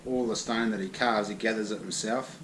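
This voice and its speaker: A man's voice: on the low side, steady tone, brisk. A man with a broad New Zealand accent chatting casually to his vlog in a blokey, slangy way. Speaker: vlogger. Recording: noisy outdoor vlog audio, traffic and ambience.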